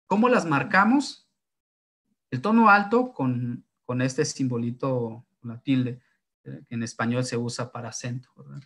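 A linguist whose first language is Zapotec explains a writing system, thinking aloud with fillers and frequent tag questions. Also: male voice, medium pitch, measured pace, fairly bright tone. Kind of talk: explanatory talk on writing tones.

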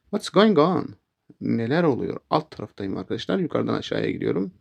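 In a muffled recording, a man gives a language lesson, pronouncing English phrases slowly and clearly before explaining what they mean. His mid-range voice is very animated.

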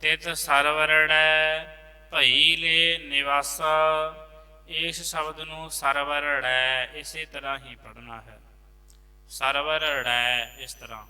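A man teaching scripture recitation, singing the verses slowly and then quickly explaining how to pronounce them in a lower voice. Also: fairly even intonation, bright, forceful tone, clean tone, faint music behind. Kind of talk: chanted scripture recitation lesson. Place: large temple hall. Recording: long reverb of a large hall.

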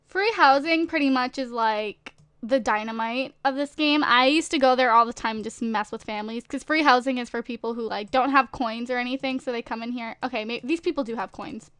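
A woman's voice: fairly high pitch, brisk, fairly bright tone, clear, resonant tone, no echo. A woman with a slight lisp casually commenting on a game, rambling and giggly, with lots of "like" and "um", recorded on a desktop microphone at home. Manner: giggly, rambling, playful trolling with frequent "like" and "um". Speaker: gaming video host. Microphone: desktop USB microphone.

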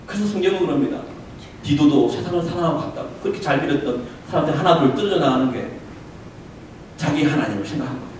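A middle-aged male pastor preaching a revival sermon, moving between low confiding tones and loud impassioned preaching and firing rhetorical questions at the congregation. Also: lively intonation, fast talker, far from the mic. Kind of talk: revival sermon with personal testimony. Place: church sanctuary. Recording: echoey church hall from afar, faint noise.

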